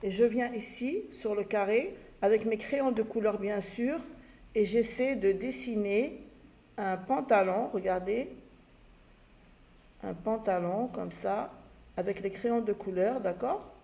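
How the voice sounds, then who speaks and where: A woman teacher talks slowly and patiently to young pupils, breaking words into syllables and repeating each instruction. Her voice is dark and mellow, with a measured pace. It is an unhurried recorded lesson. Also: medium pitch. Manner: slow, patient, spells out syllables. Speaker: primary school teacher. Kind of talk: recorded home-learning lesson.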